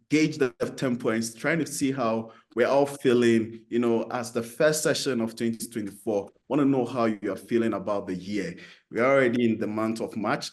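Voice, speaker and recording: A man from Ghana hosting an online entrepreneurship forum over a video call, energetic and encouraging, talking in a chatty way with restarts. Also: medium pitch. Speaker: host.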